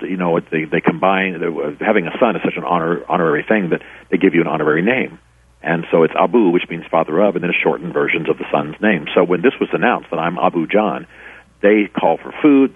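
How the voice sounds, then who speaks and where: In a dry recording over a tinny phone line, a middle-aged man who writes books and once served as a pastor speaks with a low, husky voice. He tells stories earnestly during the radio interview, restarting many times.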